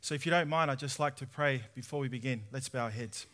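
A man's voice: medium pitch, quick pace. A man in his thirties with an Australian accent giving a conversational testimony sermon at a church conference, drawing the audience in with questions. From Sydney, Australia. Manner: conversational, asks the audience questions, prays softly. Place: large tent hall with audience, indoors.

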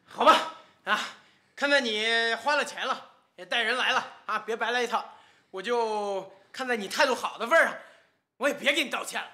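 A man's voice: very high voice, brisk, pushed and bright, full character voice. An actor playing a sheepish young man who pleads and apologizes in a TV drama. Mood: placating. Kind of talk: TV drama acting. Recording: clear music behind.

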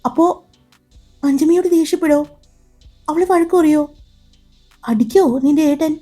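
A woman's voice: high-pitched, normal speed, warm tone, soft background music, pitched above the performer's own voice, natural voice. A woman voicing a fussing, motherly older woman in a storybook, speaking in a fretful, questioning way. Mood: worried.

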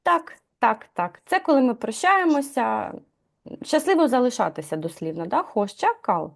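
A woman teaching Turkish in a live lesson, explaining patiently, asking her students questions and filling pauses with "e". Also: a little high, very animated, creaky. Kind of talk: live online language lesson.

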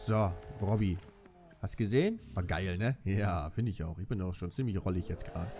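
A young man's low, warm, animated voice carries his casual, self-mocking jokes as he plays a racing game for a let's play. He speaks at normal speed, with game music, car sounds and slight background noise.

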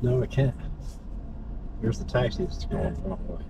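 A man's voice: medium pitch, expressive, normal speed, creaky. A man hosting a vlog while driving, chatting informally and often checking with short tag questions. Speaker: vlog host and driver. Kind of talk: casual chat while driving. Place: inside a car, driving. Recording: noisy moving car interior. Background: car and road noise.

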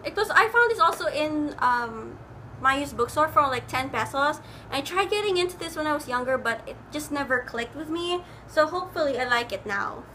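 A young woman talks in a casual, rambling way, full of likes and ums. Her voice sits high and sounds bright and crisp. A faint air conditioner hum runs in the room behind her. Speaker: book vlogger. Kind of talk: casual chat.

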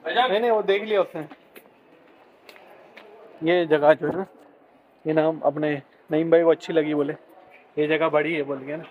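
Male food vlogger, 30s, upbeat chatter, fairly high voice, phone mic over noisy street and car sound. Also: steady tone, normal speed, pauses often, narrow, tinny audio. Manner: chatty, enthusiastic, peppered with religious blessings. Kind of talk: casual food vlog. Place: restaurant cabin, then inside a car at night. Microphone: handheld phone camera.

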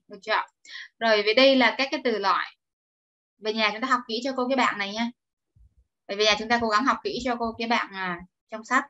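A woman's voice: on the high side, pushed and bright, dull audio. A woman teaching an online English grammar class, explaining step by step and encouraging her students. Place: home or office, online class.

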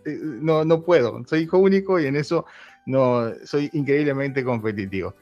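A Uruguayan YouTuber in his thirties chats casually as an interview guest, his medium-pitched voice slightly mellow and moving at a moderate pace. He laughs a lot and keeps restarting sentences, and the lo-fi recording sounds dull, with faint music underneath.

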